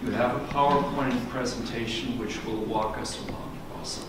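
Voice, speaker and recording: A man of middle pitch introduces a speaker, halting and filling pauses with ums. He sounds distant from the mic in a very echoey hall, with clear background noise. The whole sound is reverberant and a little muddy. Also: steady tone. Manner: hesitant, many ums. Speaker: event moderator. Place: church hall.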